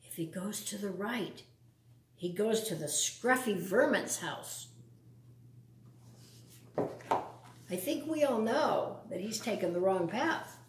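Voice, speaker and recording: Expressive woman reading a children's book. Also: medium pitch, slow pace, pauses often, recorded from a distance, a little hiss or hum. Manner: expressive, with asides to young listeners. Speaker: storytime reader. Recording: echoey room.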